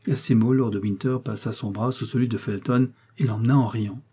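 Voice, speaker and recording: Guy reading an old novel aloud, dark mellow tone, bit husky. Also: mid-range voice, steady tone, brisk. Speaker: audiobook narrator. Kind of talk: classic novel narration.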